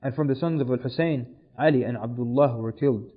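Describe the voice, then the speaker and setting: A man's voice: medium pitch, fairly quick. A man giving a storytelling history lecture, retelling events dramatically and raising his intensity when he quotes people. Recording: dull lo-fi recording.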